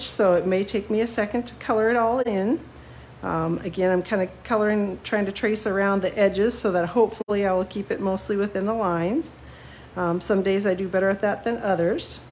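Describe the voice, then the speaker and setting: A woman with a mid-range, slightly mellow voice chats her way through a live card-making demo at her home craft desk, shot from overhead. There's slight background noise, plenty of ums, some self-deprecating humor, and a touch of cold-induced sniffling.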